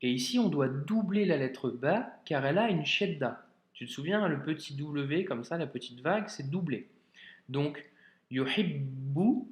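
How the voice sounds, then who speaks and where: With a voice on the high side and lively intonation, a man gives a recorded video lesson on reading Arabic in an echoey room. He's slow, patient, and informal, addressing the learner as "tu" and often checking with "ok" that they follow.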